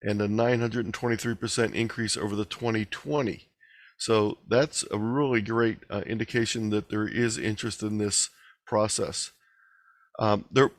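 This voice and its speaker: This man's voice is mid-range with a fairly bright tone, captured in a dry recording. As presenter of an amateur radio talk held over an online video meeting, he explains and reads out numbers in a relaxed, conversational presentation.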